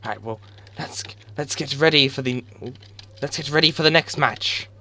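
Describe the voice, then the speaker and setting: This gaming YouTuber talks at a moderate pace in a medium-pitched, sharp-toned voice. Speaking into a headset mic, he gives casual gameplay commentary that's chatty and rambling, full of self-directed jokes and repeated restarts. Game music plays under the recording.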